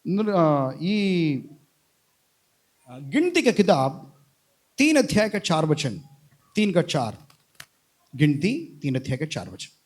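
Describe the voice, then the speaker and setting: A man with a high voice preaches a sermon in a church. He leads the congregation through scripture, repeating each line after them and breaking into calls of hallelujah. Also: huge pitch swings, slow pace, long pauses. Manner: preaching with call-and-response Bible reading and repeated hallelujahs. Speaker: pastor. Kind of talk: Hindi sermon.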